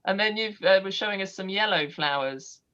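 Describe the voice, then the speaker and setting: A woman's voice: mid-range voice, brisk, fairly bright tone, lo-fi sound. A woman hosting a live online show, chatting over a video call and asking questions with plenty of fillers. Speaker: host.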